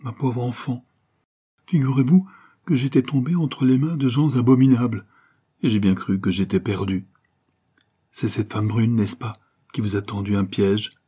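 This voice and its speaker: A man reading an audiobook, voicing a voluble, kindly older woman who runs a boarding house, gushing and effusive with breathy asides. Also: mid-range voice, steady tone, normal speed, pauses often, mellow, voice pushed up, close to an everyday voice. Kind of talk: audiobook character voice.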